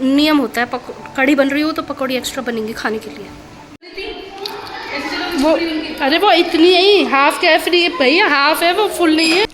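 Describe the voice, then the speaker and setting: Young woman, high voice, hoarse, rambling casual vlog, phone mic, loud traffic behind. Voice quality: hoarse, throat sore from a cold. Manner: chatty, rambling, self-mocking. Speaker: vlogger.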